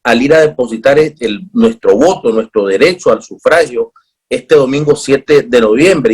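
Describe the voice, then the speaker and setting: A man's voice: mid-range voice, a little mellow, breathy edge. A man hosting a TV talk show, formal and emphatic, often restarting his phrases. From Nicaragua.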